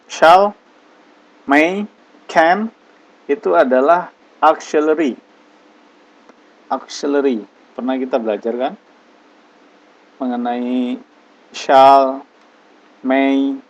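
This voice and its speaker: A man teaching an English class, explaining slowly and patiently and drawing out example phrases. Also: mid-range voice, lo-fi sound. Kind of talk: online class lesson.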